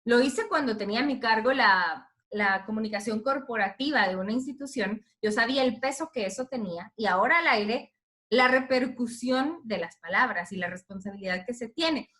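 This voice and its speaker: A woman, a radio announcer telling an expressive story in a talk to teachers. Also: a little high, moderate pace. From Guatemala.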